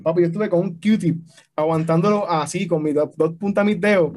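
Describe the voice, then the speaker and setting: A young man telling army stories in a casual podcast chat, slangy and animated, mixing Spanish and English. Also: high voice, a little fast. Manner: animated storyteller, slangy and swearing. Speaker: podcast guest, army veteran.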